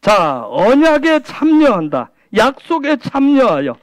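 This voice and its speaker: Very high-voiced, animated male pastor. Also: unhurried, dry recording. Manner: keeps asking rhetorical questions and prompting the congregation with "응?"; repeats key phrases for emphasis. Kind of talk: sermon.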